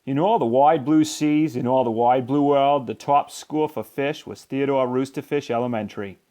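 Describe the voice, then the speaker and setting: A storybook reader, a man with a medium-pitched voice, narrates a children's picture book aloud. His narration is expressive, with emphatic, deliberate phrasing.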